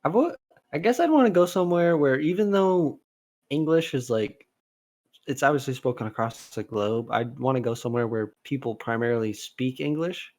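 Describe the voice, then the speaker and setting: Young man, podcast co-host, casual chat, rambling, lots of restarts, mid-pitched voice. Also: normal speed. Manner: rambling, animated, many restarts.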